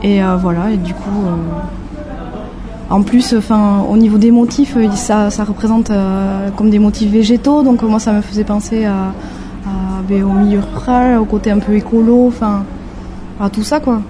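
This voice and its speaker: A young woman from the French Basque Country, a graphic designer, answering interview questions in a casual, halting way, often searching for words. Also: mid-range voice, steady tone, background noise.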